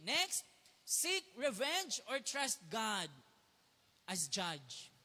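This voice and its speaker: A man's voice: very high-pitched, pushed and bright. A man from the Philippines preaching to his congregation. He tells a personal story, keeps checking with his listeners and mixes English phrases into his talk. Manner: conversational preaching that often questions the congregation. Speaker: pastor. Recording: long hall reverb.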